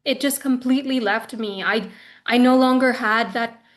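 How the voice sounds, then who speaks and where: A woman in her thirties tells a personal spiritual story as an interview guest. Her voice sits a little high. She speaks earnestly and chattily, with frequent fillers and quick restarts. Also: steady tone. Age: 30s.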